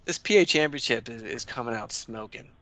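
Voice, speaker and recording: A man's voice: mid-range voice, expressive, brisk, a bit bright, no echo. A man giving casual live sports commentary, with joking banter and frequent chuckles.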